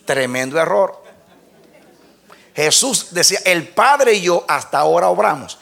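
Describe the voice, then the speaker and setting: A male preacher delivers an animated sermon, swinging between loud exclamations and hushed asides and acting out his talks with God. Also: high-pitched, vocal fry. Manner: acts out conversations with God.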